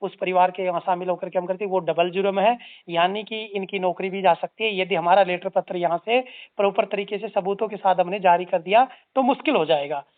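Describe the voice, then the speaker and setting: A tinny narrowband phone call captures an anti-drug social organisation activist giving a stern, formal, articulate admonishment. The mid-range voice is brisk, with few pauses.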